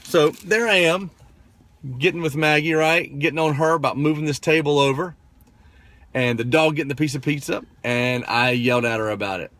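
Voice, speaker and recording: A man's voice: on the high side, normal speed, a bit bright, dry recording. A man in his thirties talking casually to camera, telling a story with many fillers and "right?" tag questions. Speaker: motivational vlogger.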